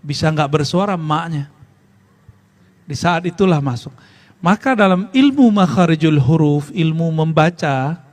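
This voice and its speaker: Man, informal sermon, slightly high voice, conversational teaching, slow chanting. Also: a little mellow. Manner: conversational, quizzes listeners, chants Arabic phrases slowly. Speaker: preacher teaching a study circle. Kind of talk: informal religious lesson.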